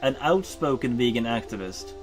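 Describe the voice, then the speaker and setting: A Norwegian man streams a game while chatting casually, rambling with lots of ums and uhs and correcting himself. His medium-pitched voice is animated and at normal speed, with faint music behind.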